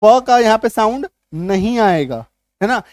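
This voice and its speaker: A man's voice: high voice, expressive, unhurried, no room sound, clean studio sound. A man teaching an English spelling and pronunciation lesson, repeating key words and quizzing the viewer.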